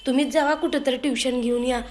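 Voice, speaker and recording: Comedy-skit mom, high voice, nagging the husband and sweet with the kid. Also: female voice, fairly even intonation, fast talker, noisy background. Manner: scolding husband, coaxing child gently.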